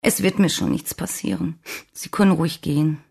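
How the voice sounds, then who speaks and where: A woman's voice: sits low, steady tone, a little fast, creaky, darkish tone, husky, pitched above the performer's own voice, full character voice. A reader voicing a distraught young woman who is crying and pleading in a German audiobook. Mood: shaken, pleading.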